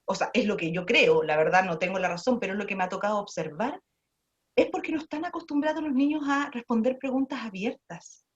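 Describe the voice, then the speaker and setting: A woman's voice: medium pitch, a little fast, lo-fi sound. A woman lecturing on early childhood education. She explains patiently, asks herself rhetorical questions and often restarts her sentences. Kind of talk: online lecture answering a question.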